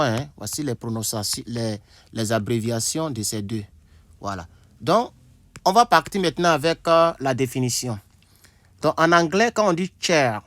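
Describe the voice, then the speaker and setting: A man teaching an English lesson at a board, slowly repeating himself and thinking aloud. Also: a little high, a bit bright, dry recording. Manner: slow, repetitive, thinking aloud with asides.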